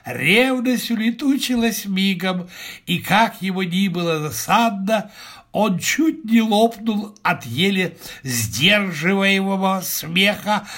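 Male reader, fairly high voice, slow and measured, expressive storytelling. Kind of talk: scripted narration.

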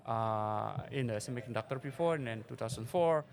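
In a creaky, medium-pitched voice that runs a little fast, a middle-aged venture investor from Indonesia gives interview answers at a conference forum venue. He sounds hesitant, dropping many fillers and using non-native phrasing.

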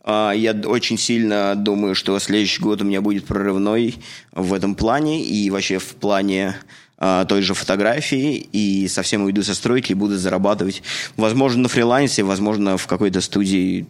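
A Russian man in his thirties co-hosts a casual podcast, speaking earnestly and using fillers. His voice sits on the low side, at a moderate pace.

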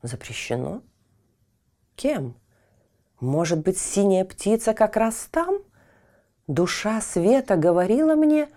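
A woman's voice: mid-range voice, sing-song, slow pace, long pauses, warm tone, voice pushed up. A woman voicing a curious, determined young boy in a children's audio fairy tale. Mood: insistent. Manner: eager and questioning, resolute.

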